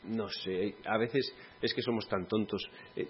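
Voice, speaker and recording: A man's voice: lowish voice, fairly even intonation, measured pace, breathy edge, lo-fi sound. A man giving an informal, conversational sermon, acting out quoted dialogue along the way. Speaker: preacher.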